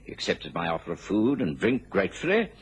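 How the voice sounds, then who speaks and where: An earnest British doctor in an old radio drama. His voice is fairly low and very husky, rising and falling expressively as he speaks in a formal, proper way. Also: wildly swooping pitch, brisk, exaggerated voice. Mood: measured narrating. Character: proper, earnest Victorian doctor, detective's loyal companion. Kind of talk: radio drama acting and narration.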